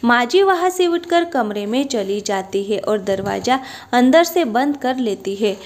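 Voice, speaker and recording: Slow, steady woman storyteller. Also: a little high. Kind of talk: reading a moral story.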